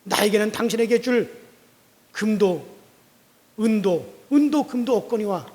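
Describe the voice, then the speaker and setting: A man's voice: high voice, unhurried, darkish tone. A male preacher voicing an apostle who gives a solemn, rising command. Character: commanding apostle man healing a beggar. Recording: long church reverb.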